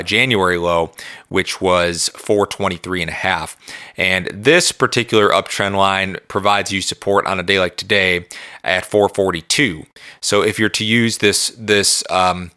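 Low, bright-voiced man, dry close sound. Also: dry recording. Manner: conversational, loosely phrased with self-repetition. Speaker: podcast host and market analyst. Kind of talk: informal chart commentary.

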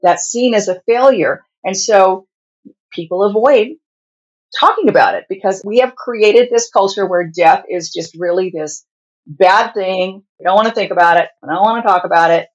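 A woman with a husky voice giving plain-spoken, explanatory answers as a hospice nurse being interviewed. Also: medium pitch, moderate pace, highs cut off.

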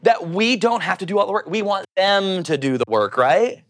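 Here a middle-aged Oklahoman preacher talks at a normal speed in a high voice whose pitch swings widely. He teaches from scripture in a conversational way, asking rhetorical questions and then answering them himself.

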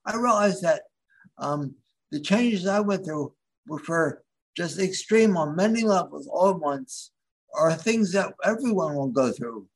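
A man from the Philadelphia area, a guest in an interview, speaking haltingly with many restarts as he searches for words. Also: fairly high pitch, lively intonation, slightly rough. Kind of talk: interview conversation.

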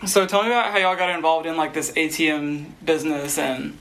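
A man's voice: fairly high pitch, steady tone, a little fast, a bit bright, low-quality recording. A young man hosting a student interview, informal and friendly, often saying "y'all".

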